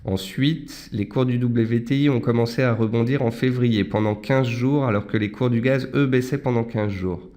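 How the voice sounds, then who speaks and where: A man's voice: mid-range voice, fairly even intonation, moderate pace, few pauses, a little mellow. A man hosting a morning market briefing, explaining things step by step and speaking directly to his listeners as an analyst. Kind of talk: live financial market commentary with audience questions.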